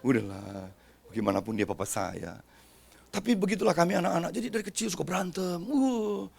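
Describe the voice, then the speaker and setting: Middle-aged pastor, man, lively and humorous, gravelly edge, slightly high voice. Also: brisk. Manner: lively, joking, talks straight to the congregation. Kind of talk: sermon.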